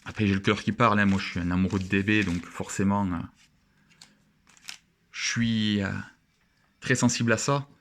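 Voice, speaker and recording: A man's voice: on the low side, steady tone, moderate pace, pauses often, a bit bright, a little hiss or hum. A young man chatting casually and with enthusiasm as he opens trading cards and admires each one. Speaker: card opening vlogger. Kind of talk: casual card-opening commentary.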